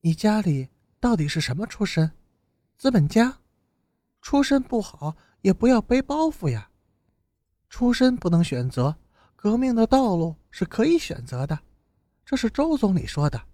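A man reading an audiobook and voicing an earnest, idealistic young woman student with quick, questioning lines. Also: sits high, very animated, warm tone, no echo, pitched above the performer's own voice. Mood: earnest, puzzled. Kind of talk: audiobook character voice.

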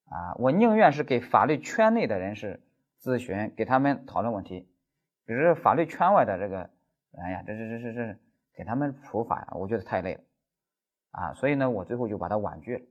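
Animated male law lecturer, dull audio. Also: on the low side, brisk, slightly rough. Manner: animated storytelling, stammered repeats. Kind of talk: exam-prep law lecture.

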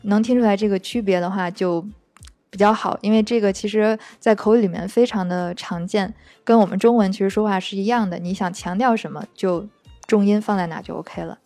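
A woman's voice: mid-range voice, a little fast, no room sound. A woman teaching German, chatty and explanatory, acting out example phrases as she goes. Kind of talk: explanatory language lesson. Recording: dry close recording with soft background music.

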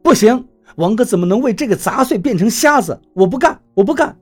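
Fields: Figure: a man voicing a distraught, hot-tempered young woman. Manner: shrill, tearful. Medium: audiobook. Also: expressive, a little fast, darkish tone, faint music behind. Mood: frantic. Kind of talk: audiobook character reading.

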